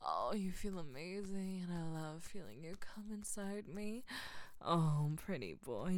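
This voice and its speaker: A woman performing an intimate audio roleplay in a breathy, teasing, soothing whisper. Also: on the low side, darkish tone, dry recording.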